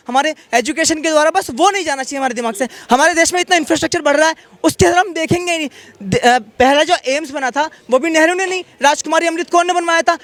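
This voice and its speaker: A man's voice: very high-pitched, fairly bright tone, dry recording. A man debating heatedly in a street interview, with rhetorical jabs. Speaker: passer-by interviewee.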